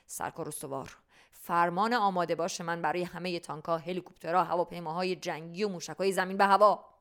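A woman's voice: lowish voice, fairly even intonation, natural voice. A woman doing a blustering army general. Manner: barking orders.

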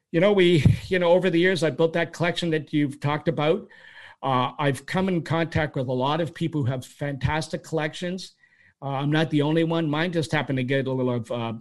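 Older guest from Toronto, sixties, chatty rambler full of restarts, mid-range voice. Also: male voice, mid-range voice. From Toronto, Canada. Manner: rambling, animated storyteller with frequent restarts. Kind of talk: storytelling interview answers.

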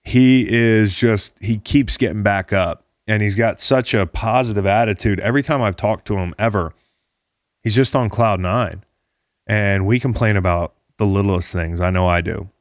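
A man's voice: on the low side, moderate pace, no echo, clean studio sound. A man hosting a podcast, talking casually in a rambling, encouraging way. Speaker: podcast host.

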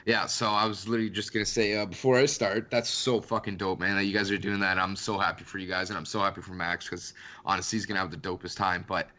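A man's voice: sits low, steady tone, fast talker, sharp tone. A young man from Canada, a podcast guest, talking loosely and rambling with lots of "like" in casual chat. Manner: loose, rambling, heavy use of "like".

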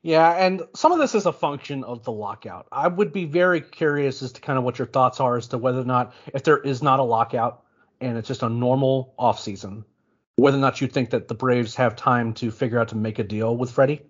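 A man's voice: medium pitch, fairly quick. A man co-hosting a sports podcast, talking casually and thinking aloud with frequent restarts. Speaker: podcast co-host. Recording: muffled lo-fi podcast audio.

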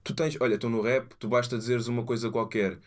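A man's voice: mid-range voice, fairly quick. A middle-aged man, chatting casually as a podcast guest in slangy speech and acting out what people say. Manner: slangy, animated retelling with acted-out quotes. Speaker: podcast guest, hip-hop producer. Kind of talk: casual chat.

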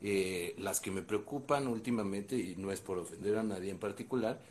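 A Mexican man in his forties co-hosting a loose, joking podcast chat. His voice sits on the low side, and he laughs easily and leans on slang. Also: moderate pace, a little mellow. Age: 40s. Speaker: podcast co-host. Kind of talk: casual comedic chat.

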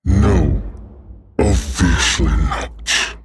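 A man's voice: low voice, husky, dry recording, studio quality, heavily acted. A man playing a weary, angry, imperious chained dragon in a tabletop role-play, speaking formally and menacingly. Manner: slow, menacing, archaic formal speech.

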